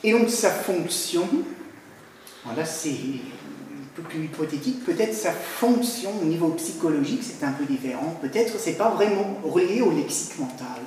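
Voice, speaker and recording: A man giving an academic talk on language history, hesitant with frequent pauses and fillers. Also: on the high side, lively intonation, a little mellow, very echoey, distant mic, slight background noise, rough recording. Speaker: lecturer.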